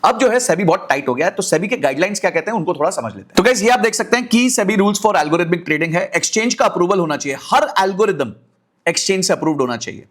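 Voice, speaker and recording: A middle-aged man with an Indian accent, an energetic finance YouTuber speaking straight to his viewers. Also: high-pitched, quick pace. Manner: energetic, direct address to viewers. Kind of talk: explainer video talk.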